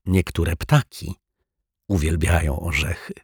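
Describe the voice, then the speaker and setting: A man voicing a mild-mannered male detective who speaks calmly and with gentle reproach, in a storybook reading. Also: deep voice, a little slow, creaky, husky, dry recording, studio quality, heavily acted.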